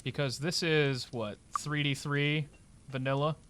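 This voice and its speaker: A man's voice: a little high, steady tone, unhurried, a bit bright, a little hiss or hum. A man giving sarcastic, joking commentary as he plays a game live. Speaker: streamer.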